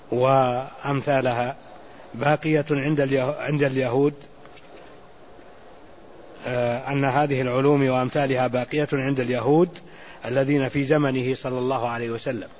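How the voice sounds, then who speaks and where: Male sheikh teaching a lesson, measured, repeats himself, muffled lo-fi recording with faint hiss. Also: medium pitch, darkish tone. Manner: explains slowly, repeating words and restarting phrases. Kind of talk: classical Islamic lesson commentary.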